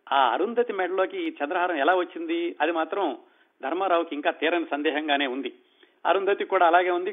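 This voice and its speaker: A man retelling a novel as spoken storytelling, conversational, acting out the dialogue and commenting in between. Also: on the high side. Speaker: storyteller host. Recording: tinny phone-like sound.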